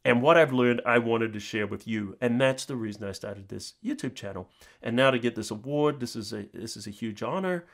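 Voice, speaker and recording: A middle-aged New Zealander hosts a channel, chatting informally to his viewers and rambling as he goes. His mid-range voice is gravelly, and he talks fairly quickly.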